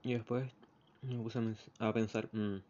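A man's voice: lowish voice, flat delivery, a little slow, mellow. A young man with a Chilean Spanish accent, recounting a bus ride in a casual spoken diary and acting out the voices of the people in it. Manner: rambling storyteller, acts out the voices in his anecdotes. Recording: slightly muffled with faint background noise.

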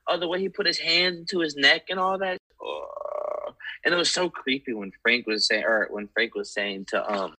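Bright, husky man, animated rambling. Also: a little high, a little fast, few pauses, rough recording. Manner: animated, rambling, squeamish exclamations. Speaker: podcast guest. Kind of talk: casual chat.

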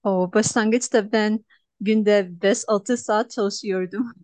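A woman in her twenties from Russia with a Russian accent, answering interview questions in halting, simple non-native Turkish. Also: mid-range voice, steady tone, a little mellow, no echo. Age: 20s. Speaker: interview guest, language learner. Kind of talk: casual interview.

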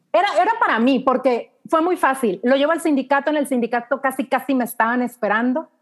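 A woman with a Mexican accent, a radio announcer, telling her story in a casual interview and acting out the dialogue she quotes. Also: on the high side. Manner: lively anecdotal, acts out quoted dialogue.

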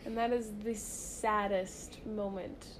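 A woman's voice: medium pitch, flat delivery, takes it slowly, noisy background. A young woman in casual chat, teasing and giggly, often cutting in.

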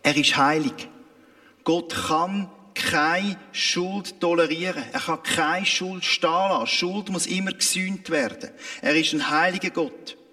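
High, bright Swiss German preacher. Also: male voice, fairly even intonation, unhurried, big-room sound. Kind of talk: sermon.

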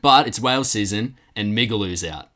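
Australian male podcast co-host, lowish voice, jokey and ribbing. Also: animated, moderate pace, fairly bright tone. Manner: playful, teasing banter. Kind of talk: casual church leaders podcast chat.

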